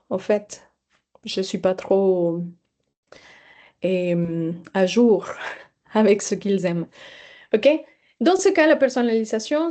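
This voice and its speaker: A woman's voice: mid-range voice, warm tone. A woman teacher giving a webinar presentation, explaining hesitantly with fillers.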